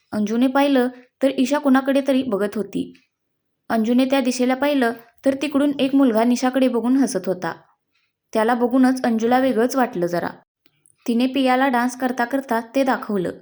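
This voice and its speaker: A woman's voice: sits high, a little mellow. A woman reading a story aloud as scripted narration, speaking every character's lines in her own voice.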